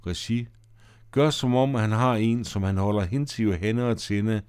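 Low-voiced man reading stage directions. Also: steady tone, a little mellow, clear, resonant tone, dry recording. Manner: plain, matter-of-fact. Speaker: reader of a play script.

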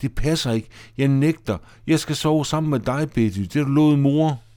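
A girl on the verge of tears protests that the rules are unfair, her voice pushed high and strained, as a man reads her lines aloud. The sound is dry and close. She pleads and complains by turns. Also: mellow, no echo, lightly acted. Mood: tearful protest. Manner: pleading and indignant. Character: upset girl who refuses to sleep apart from her sister.

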